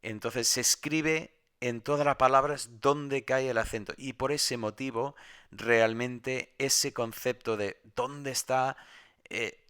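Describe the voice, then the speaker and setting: Male teacher giving a recorded lesson at home; bright, resonant voice, patient explanation. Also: mid-range voice, steady tone, takes it slowly, clean tone. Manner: explanatory, with many restarts. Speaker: Greek teacher.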